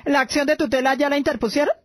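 A woman's voice: sits high, fairly even intonation, fast, no room sound. Probing woman radio host. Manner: probing, many hesitation fillers. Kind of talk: radio news interview.

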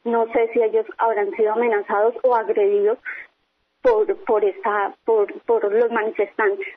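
A woman's voice: medium pitch, little pitch movement, normal speed. A woman, a company employee interviewed over the phone, speaking firmly and insistently, repeating her points. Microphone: telephone. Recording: tinny phone line.

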